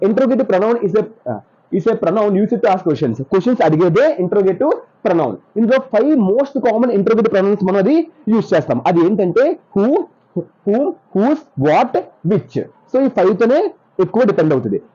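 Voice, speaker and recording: Teacher, explaining grammar notes, slow read-out examples, self-correcting, husky, dull lo-fi sound. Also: medium pitch, expressive, warm tone. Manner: repeats points, corrects own slips; reads English example sentences slowly. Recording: dull lo-fi recording.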